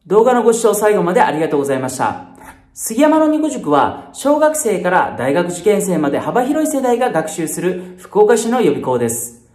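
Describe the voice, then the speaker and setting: A woman's voice: medium pitch, sing-song, a little fast, a little mellow. Woman reading a sign-off in an echoey room. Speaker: channel host. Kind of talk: scripted closing announcement.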